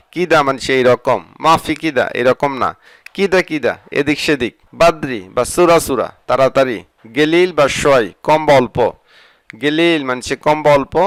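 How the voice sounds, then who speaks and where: A man teaching a vocabulary lesson, saying each phrase and then its meaning in a steady drilling rhythm. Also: mid-range voice, normal speed, no echo, low-quality recording. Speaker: language teacher.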